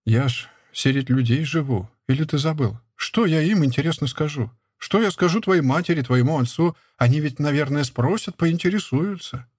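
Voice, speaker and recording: A man's voice: on the high side, normal speed, few pauses, darkish tone, slightly rough, no echo, clean studio sound, pitched above the performer's own voice. A man voicing an anxious pleading village wife. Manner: raised, plaintive, emotional pleading. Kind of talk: audiobook character reading.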